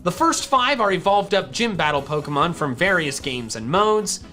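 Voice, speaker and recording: A woman's voice: lowish voice, very animated, normal speed, sharp tone. A woman reading a scripted explainer narration for a video, with music behind her. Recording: music in the background.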